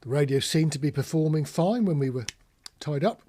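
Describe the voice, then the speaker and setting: Here a man with a warm, fairly high voice and lively intonation talks at a brisk clip. He's a British marine radio instructor running a casual, practical tutorial, laying things out plainly and weaving in anecdotes.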